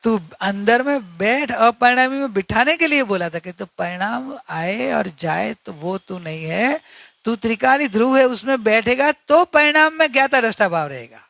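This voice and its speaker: High-voiced man, earnest discourse. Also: expressive, normal speed, gravelly, a bit bright, no echo. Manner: earnest, repetitive, asks rhetorical questions. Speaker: spiritual teacher. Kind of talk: religious discourse.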